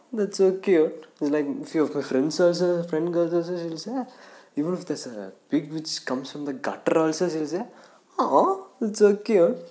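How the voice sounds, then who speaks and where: A man with an Indian English accent telling comic stories on his vlog, animated and acting out voices. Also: a little high. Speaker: comedy vlogger. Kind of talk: storytelling stand-up monologue.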